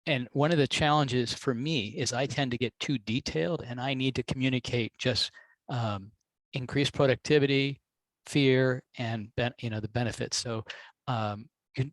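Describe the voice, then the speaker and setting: A man joins a casual video call discussion, talking in a hesitant, halting way with many restarts. His voice sounds dry and close, with no room around it. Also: mid-range voice, no room sound, rough recording.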